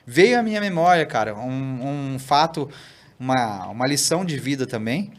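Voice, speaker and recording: A man, a pastor guesting on a podcast, telling a story in an animated way and often tagging "né?" and "cara". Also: medium pitch, normal speed. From Brazil. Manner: animated, tags sentences with "né?" and "cara". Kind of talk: casual storytelling in a podcast interview.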